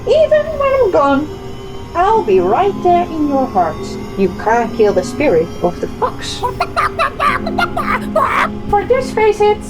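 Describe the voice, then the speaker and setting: A woman's voice: extremely high pitch, huge pitch swings, measured pace, over loud music, exaggerated voice, rough recording. A woman playing a plucky, flippant magical fox heroine in a playful, theatrical hobby film performance. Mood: tender, flippant. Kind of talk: hobby convention film acting.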